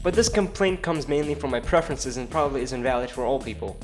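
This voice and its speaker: Talking quickly in a mid-range voice with a darkish tone, a male video narrator shares informal opinions casually, now and then slipping in a playful, sweary aside. Music runs beneath his voice throughout.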